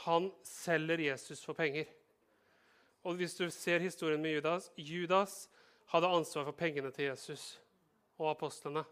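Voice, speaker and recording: A male pastor delivers a sermon in a fairly high voice. He preaches in a lively, conversational way, with touches of humor, as if talking directly to each listener. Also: clear, resonant tone.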